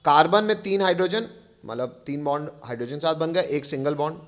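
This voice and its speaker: A man's voice: on the high side, fairly quick, fairly bright tone. A man teaching a chemistry lecture, explaining step by step, calling his pupils kids and often checking whether they follow. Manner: addresses pupils affectionately as kids.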